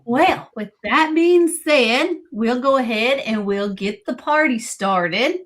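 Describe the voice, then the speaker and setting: A woman's voice: on the high side, lively intonation, slow pace, fairly bright tone. A woman hosting a live sale chat, friendly and upbeat as she starts things off. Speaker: host.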